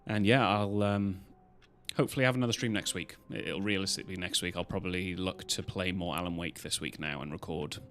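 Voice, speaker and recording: A man's voice: deep voice, steady tone, a little fast, fairly bright tone. A British man chatting casually as a live streamer, in a loose, rambling way with some casual swearing. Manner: rambling, loosely strung-together talk.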